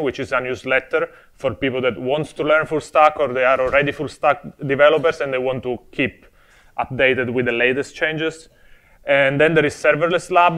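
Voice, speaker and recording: On a conference stage before an audience, a young Italian man with an Italian accent gives a friendly, explanatory talk on a technical topic, adding touches of humor. His voice sits at a medium pitch and sounds a bit bright.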